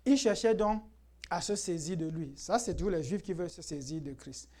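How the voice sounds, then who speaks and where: A man preaching a sermon as pastor in a church, emphatic and lively, firing rhetorical questions at the congregation and laughing often. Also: high-pitched, normal speed.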